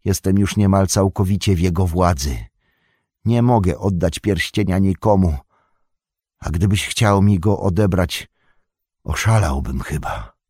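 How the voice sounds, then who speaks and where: A man's voice: deep voice, unhurried, darkish tone, breathy edge, no echo, studio quality. A man voicing a weary, burdened young male hobbit who speaks with anguish and sorrow. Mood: hopeless.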